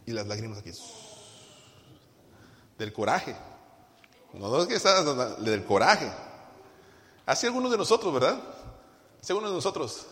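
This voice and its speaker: A man preaching a sermon, asking the congregation questions and swinging from loud emphasis to quiet. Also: on the high side, big pitch swings, normal speed, pauses often. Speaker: pastor. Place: church hall. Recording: long reverb of a church hall.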